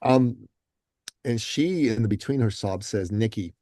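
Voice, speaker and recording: A man guest on a podcast, telling a story in a casual, animated way and acting out the quotes, with many ums and you-knows. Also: medium pitch, unhurried, no echo, studio quality. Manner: frequent fillers like um and you know.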